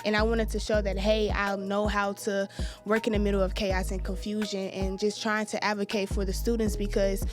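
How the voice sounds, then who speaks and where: A woman's voice: medium pitch, little pitch movement, normal speed, music in the background. A young woman, a student activist guest, speaking in an earnest, fluent, advocating way. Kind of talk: interview conversation.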